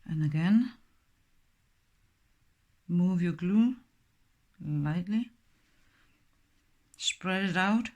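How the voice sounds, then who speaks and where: In a lowish, slightly mellow but animated voice, a middle-aged Danish-accented woman who speaks Danish natively takes a slow, hesitant pass through a step-by-step craft tutorial, padded with many fillers.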